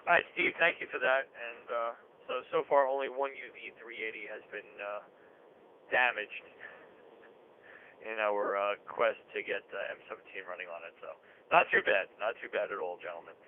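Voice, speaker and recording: A man acting as net control on an amateur radio net, heard over a radio link with static, calling for check-ins in a relaxed, procedural way. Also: fairly low pitch, normal speed. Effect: heard over a two-way radio link with static. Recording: tinny radio transmission with faint static hiss.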